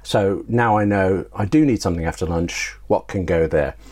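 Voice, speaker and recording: With a deep, darkish voice at a normal speed, a man from the United Kingdom tells anecdotes as a guest in a casual interview. He's a talkative British writer prone to interrupting himself mid-story.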